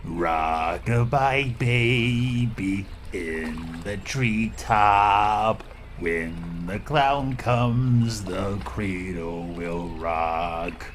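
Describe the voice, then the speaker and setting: A man voicing a menacing male clown, singing in a slow, uneven, grotesque sing-song. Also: rumbling low, a little mellow, a little hiss or hum, pitched below the performer's own voice. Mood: mocking song.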